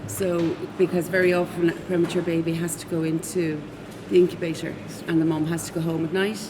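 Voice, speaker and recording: An Irish woman explains things in a casual interview way. Her voice is very low and stays flat in pitch, with clear noise behind her. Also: brisk. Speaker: knitting group activist.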